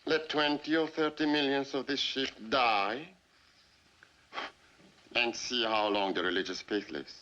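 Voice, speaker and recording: An actor playing a cold, menacing Soviet general in a 1950s film. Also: male voice, mid-range voice, fairly even intonation, a little slow, pauses often, pushed and bright, slight background noise. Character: ruthless cold Soviet general, middle-aged man. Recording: dull 1950s film soundtrack.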